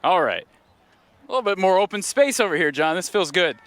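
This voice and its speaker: A man's voice: high voice, big pitch swings, a little fast, a bit bright, no echo. A man giving a chatty, upbeat live report as he walks through an outdoor tailgate lot near a stadium. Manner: upbeat, chatty, interviews passersby. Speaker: on-scene reporter. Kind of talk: live roving field report.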